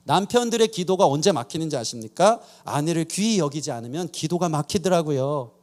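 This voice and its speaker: A man's voice: on the high side, lively intonation, brisk, a little mellow. A man preaching a sermon as pastor, telling stories about his own marriage with self-deprecating humor. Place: church sanctuary.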